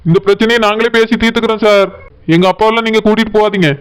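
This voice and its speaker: A man's voice: sits high, fairly even intonation, rapid-fire, clear, resonant tone, natural voice. A man voicing an anxious grown son pleading with the police. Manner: pleading, repetitive.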